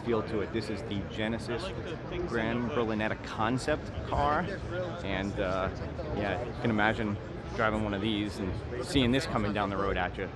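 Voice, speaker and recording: A man's voice: lowish voice, normal speed, a loud crowd. A man narrating a casual walk-and-talk vlog in an informal, chatty way, speaking to his viewers. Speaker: vlogger. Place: out and about in busy city streets and venues. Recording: noisy urban ambience with traffic.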